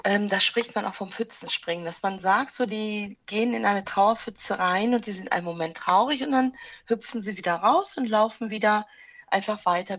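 A middle-aged woman, a grief counselor, calmly explaining with stories about children. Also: on the high side, no room sound, dull audio. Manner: calm, explains with vivid child anecdotes and images. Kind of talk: interview answers, storytelling with examples.

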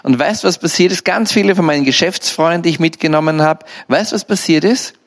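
A man's voice: a little high, fast talker. A man preaching through a personal story, talking to the listener directly and repeating himself for emphasis. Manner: animated, repetitive, addresses the listener directly. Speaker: lay preacher. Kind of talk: storytelling sermon.

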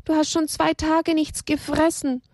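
A woman's voice: sits high, level tone, unhurried, darkish tone, dry recording, studio quality, pitched above the performer's own voice. A woman voicing a tearful, pleading young animal in a storybook tale.

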